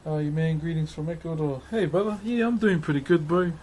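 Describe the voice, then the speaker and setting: This livestream host, a man with a broad New Zealand accent, chats loosely and matily with viewers as he carves. His voice sits a little high and has a dark tone, and he talks fast. There's clearly noisy ambience behind him.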